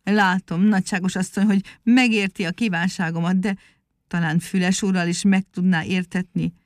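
A woman reading a storybook aloud, voicing a sly, flattering trickster animal who poses as a singing teacher in a wheedling, theatrical tone. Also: fairly low pitch, no room sound, clean studio sound, lightly acted. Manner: wheedling, fawning, theatrical praise.

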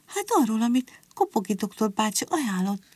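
A woman voicing a proud, eager little boy rabbit in a high, excited voice. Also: no echo.

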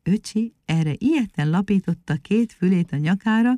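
A woman reading a children's storybook aloud, calm and measured, at an ordinary middle pitch. The sound is dry and close, with no room around it. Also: dry recording.

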